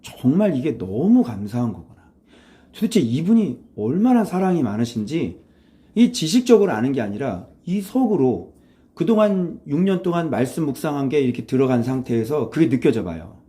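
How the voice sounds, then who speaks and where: A male pastor gives a morning sermon, his voice dark and mellow. His pitch swings widely as he poses rhetorical questions and briefly acts out the voices he quotes. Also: normal speed. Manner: animated, conversational preaching with rhetorical questions; acts out quoted voices, switches to blunt informal speech.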